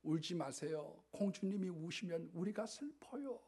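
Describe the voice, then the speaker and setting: A clingy little frog from a storybook tale pleads in a high, stretched-out whine, as a man puts him on. The voice is husky and climbs far above a normal speaking voice. It sounds needy and insistent. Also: lively intonation, a little mellow. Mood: coaxing. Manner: high, whiny, drawn-out pleading.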